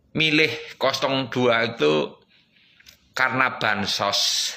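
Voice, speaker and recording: A man giving a casual opinion, halting and stammering with an amused tone. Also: medium pitch, bright, forceful tone. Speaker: viewer posting a clip.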